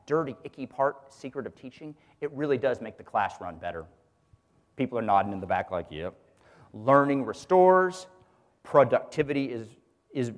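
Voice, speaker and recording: A man who is a teacher gives a religious teaching talk to a group, asking rhetorical questions and calling on listeners by name. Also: mid-range voice. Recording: long hall reverb.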